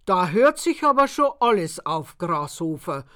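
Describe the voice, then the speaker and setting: A woman voicing the story's exasperated narrator figure, shouting in dialect. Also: on the low side, big pitch swings, measured pace. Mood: aghast. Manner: outraged, loud exclamations. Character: exasperated first-person narrator, worked up.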